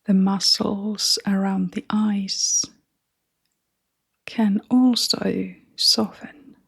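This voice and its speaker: This guided meditation is led by a woman whose medium-pitched voice barely moves in pitch. She speaks softly and breathily in a half-whisper, phrasing everything gently and slowly.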